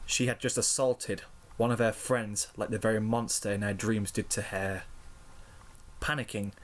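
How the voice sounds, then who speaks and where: A man reading a fan-written story aloud in slow, measured narration. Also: on the low side. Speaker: fanfiction reader.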